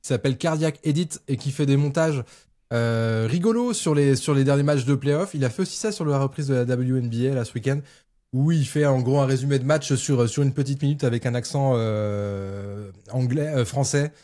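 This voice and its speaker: A man co-hosting a podcast in a relaxed, easygoing way. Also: mid-range voice, moderate pace. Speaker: podcast co-host. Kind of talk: casual chat.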